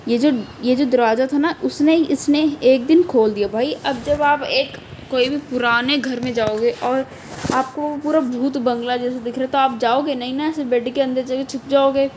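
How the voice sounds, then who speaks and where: A woman's voice: sits high, fairly even intonation, normal speed, darkish tone, a little hiss or hum, poor audio. A young woman teacher, explaining a poem line by line, reading each line aloud and repeating the meanings.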